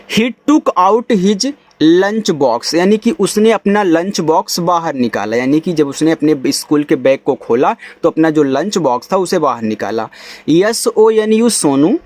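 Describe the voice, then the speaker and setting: Slow, high-voiced Indian English tutor. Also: male voice, a little mellow. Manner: spells words letter by letter, then sounds them out slowly. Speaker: English teacher. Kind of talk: reading lesson in Hindi.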